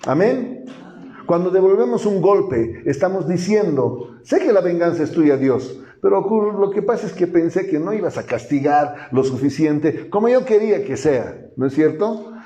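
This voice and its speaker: A man's voice: sits high, lively intonation, moderate pace, warm tone. A male pastor, preaching a sermon, asking the congregation questions and acting out voices from the story. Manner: asks the congregation questions and acts out quoted speech. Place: church hall. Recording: roomy church sound, slightly dull.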